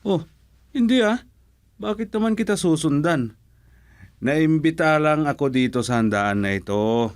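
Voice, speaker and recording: An actor playing a pushy, smooth-talking young suitor in a radio drama. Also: male voice, on the high side, expressive, measured pace, long pauses. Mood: defensive.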